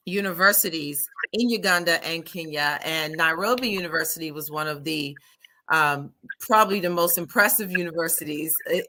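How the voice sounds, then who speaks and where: A middle-aged American woman hosting an interview, telling a story in an animated, chatty way and calling her viewers "y'all". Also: medium pitch, low-quality recording. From United States. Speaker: host and trauma therapist. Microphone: video call.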